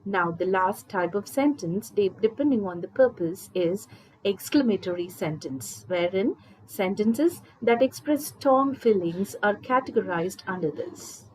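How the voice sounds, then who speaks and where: A woman teacher gives a grammar lesson at a slow, careful pace. She explains each point patiently and speaks directly to her students. A faint background hum sits under her voice. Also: mid-range voice, lively intonation, low-quality recording. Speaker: English teacher. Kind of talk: recorded school lesson.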